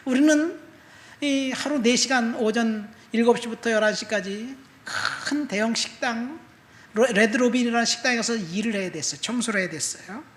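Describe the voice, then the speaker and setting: A middle-aged male pastor preaching a sermon, telling a personal testimony and moving between soft asides and loud emphatic appeals. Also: extremely high pitch, moderate pace. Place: church sanctuary. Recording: echoey church room.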